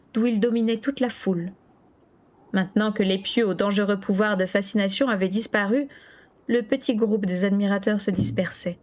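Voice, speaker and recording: A woman reading a novel aloud on a stream, telling the story steadily with an occasional stumble. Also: medium pitch. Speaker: book reader.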